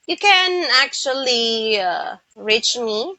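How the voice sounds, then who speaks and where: A woman English teacher giving an online pronunciation lesson, explaining slowly and carefully with some restarts. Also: a little high, expressive, sharp tone, lo-fi sound.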